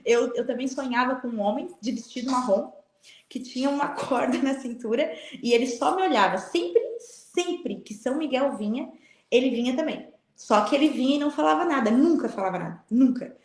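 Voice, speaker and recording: A middle-aged woman from Brazil, a guest telling a spiritual testimony in an animated way and acting out the dialogue. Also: high-pitched, fairly quick. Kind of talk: spiritual testimony in a live chat. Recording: echoey room.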